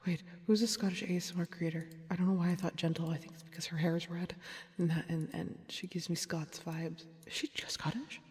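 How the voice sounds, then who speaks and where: A woman's voice: lowish voice, little pitch movement, a little fast, darkish tone, long reverb tail. A woman streamer in whispered ASMR chat, mostly whispering and chatty, with sudden startled outbursts. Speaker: VTuber streamer.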